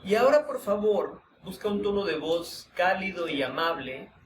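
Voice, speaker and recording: A man guides a group through a mindfulness exercise, giving gentle, unhurried instructions with pauses. His voice sits a little high for a man. The recording is roomy and distant, with a steady hum of background noise from the hall. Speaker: workshop leader.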